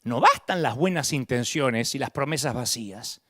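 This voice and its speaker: A man's voice: medium pitch, animated, normal speed, a bit bright, no room sound, studio quality. A middle-aged man with an Argentine accent preaching a sermon, dramatic and acting out the voices of the people he quotes. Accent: Rioplatense Spanish. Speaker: pastor.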